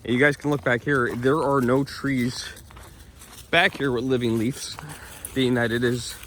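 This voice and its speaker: A man's voice: mid-range voice, fairly even intonation, unhurried, a bit bright, a little hiss or hum. A man from New York's Hudson Valley who rambles in casual vlog chat, laughing often while he walks his dog along a wooded trail outdoors. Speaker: vlogger.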